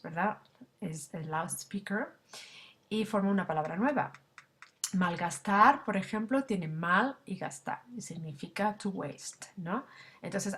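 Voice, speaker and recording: Woman lecturing with frequent fillers. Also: on the low side. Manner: explanatory, frequent fillers and tag questions. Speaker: language instructor. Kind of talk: recorded slide lecture.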